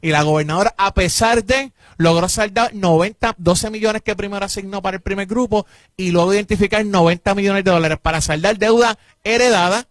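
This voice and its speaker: A Puerto Rican government official with a Puerto Rican Spanish accent answers interview questions in a political defense, emphatic and insistent, repeating his points. His voice is high and a little fast, recorded with no room sound.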